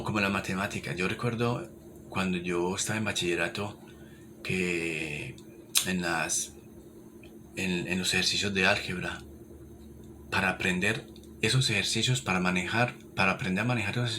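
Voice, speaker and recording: A man, giving an informal language lesson in a repetitive, encouraging way. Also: sits low. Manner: repetitive, encouraging, many restarts. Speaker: English teacher. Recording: noticeable background noise.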